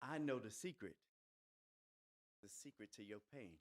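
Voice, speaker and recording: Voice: medium pitch, unhurried, lightly acted. A performer playing a young male soldier who has come back from death, telling his tale in a folksy rural dialect as a dramatic monologue. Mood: eerie folksy. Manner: folksy storytelling with rural dialect, whispered hisses. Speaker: stage performer. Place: live event at an art museum.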